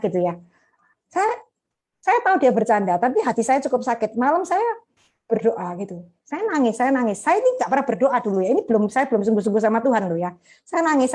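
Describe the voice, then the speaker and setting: A middle-aged woman speaks in a slightly high voice. She gives a personal faith testimony in an earnest, chatty way, often pausing on fillers. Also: darkish tone. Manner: earnest, conversational, with frequent fillers. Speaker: women's ministry speaker. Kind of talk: personal testimony in a church talk.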